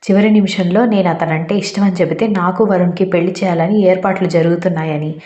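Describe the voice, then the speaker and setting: A woman's voice: on the low side, fairly even intonation, quick pace, mellow, lightly acted. Naive confused young heroine, woman doing her, storybook, a bit muffled. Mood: assertive. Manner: puzzled, questioning. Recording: roomy, slightly dull recording.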